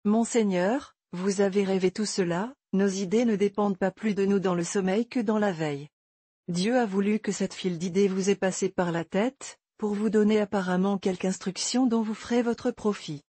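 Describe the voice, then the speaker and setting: A woman plays a patient good genie in an audiobook, reasoning calmly and explaining step by step. The voice is mellow and husky-edged. The sound is dry and close. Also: medium pitch, normal speed, dry recording, close to an everyday voice. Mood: soothing. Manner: calm, explanatory. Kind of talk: audiobook character reading.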